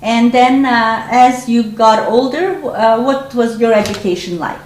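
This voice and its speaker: A woman's voice: on the high side, measured pace, darkish tone. A woman conducting an oral history interview, encouraging the speaker with frequent small acknowledgements. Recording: echoey room with faint noise.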